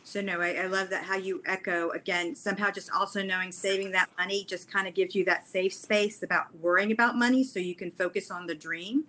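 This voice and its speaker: A woman's voice: medium pitch, fairly even intonation, a little fast, few pauses, sharp tone, slight background noise, low-quality recording. A woman moderating a panel who affirms the guests and sums up their points before handing over.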